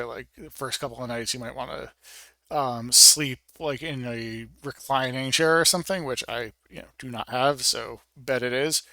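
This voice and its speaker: A man giving a casual, rambling personal update in an informal, wryly understated way, with halting, hesitant phrasing. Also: mid-range voice, pushed and bright, no room sound. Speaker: video blogger.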